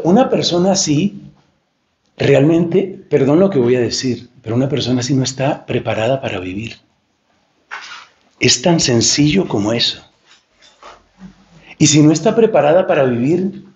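A man giving an animated, joking lecture-style talk as a friar preacher, who searches for words and mocks the voices he quotes. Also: on the high side. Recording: echoey lo-fi room recording.

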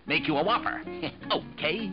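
A man's voice: a little high, a little slow, close to an everyday voice. An actor playing a bumbling male cartoon magician in a vintage TV commercial. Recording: muffled old film, music behind.

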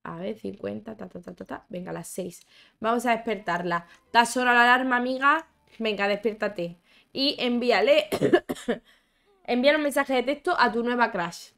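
A young woman with a somewhat high voice, chatting her way through a life-sim game. She exclaims a lot, talks back to her characters and reads out chat from her viewers in a loose, playful commentary. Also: moderate pace, creaky, fairly bright tone. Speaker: gaming YouTuber. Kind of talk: casual gameplay commentary.

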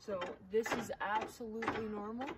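A middle-aged woman who owns a sawmill stands outdoors beside it, explaining maintenance steps in a practical, encouraging hands-on video recorded on a camera mic. Her voice is on the high side with a flat delivery at normal speed, and there is heavy background noise.

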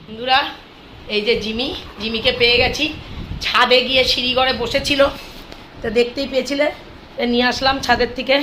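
A woman vlogger with a high, bright voice fusses over her pet in doting baby talk. She coos and repeats short coaxing phrases again and again in a casual, homey pet vlog. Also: level tone, fairly quick, pauses often, a little hiss or hum.

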